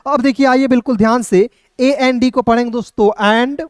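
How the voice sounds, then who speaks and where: A man's voice: very high voice, steady tone, no room sound. Male tutor, patient letter-by-letter explainer, dry close sound. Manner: slow, spells words letter by letter, asks "clear?". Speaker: English teacher. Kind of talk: reading lesson taught in Hindi.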